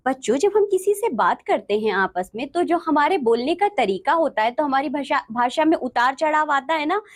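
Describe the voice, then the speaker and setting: A woman's voice: high voice, expressive, normal speed. A woman teaching a grammar lesson to children, explaining each point with examples and addressing the class often.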